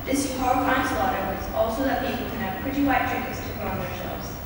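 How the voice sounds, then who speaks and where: Schoolgirl doing an earnest speech in a big echoey hall, kinda far from the mic w background noise. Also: fairly high pitch. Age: child or young teen, not yet in early twenties. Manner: earnest, rhetorical questions with emphatic pauses. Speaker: student speaker giving a speech. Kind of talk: prepared persuasive speech to an audience. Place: large echoing room with an audience.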